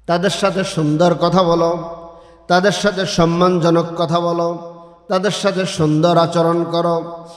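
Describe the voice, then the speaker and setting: Male preacher, high voice, slow, shouts and chants a sermon through echoey loudspeakers. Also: flat delivery. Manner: shouting, chanting, calls on the crowd to answer aloud. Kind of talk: Bengali waz sermon with sung Quran recitation. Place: large outdoor religious gathering.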